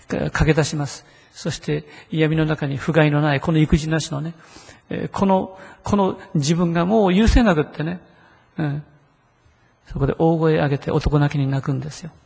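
A man's voice: fairly high pitch, creaky, darkish tone, breathy edge, big-room sound. A man preaching a sermon in a conversational way, often asking the listeners rhetorical questions. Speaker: pastor.

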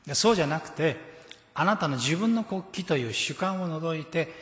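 A male pastor preaches, telling his story and quoting scripture with strong emphasis. His voice is bright and forward. It rings out with a long reverb in a big hall. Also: fairly high pitch, expressive, normal speed. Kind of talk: sermon.

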